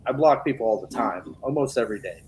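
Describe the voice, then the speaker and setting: A man chatting casually on a podcast as a business owner, relaxed, acting out sales calls in quick asides. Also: mid-range voice, slight background noise, poor audio.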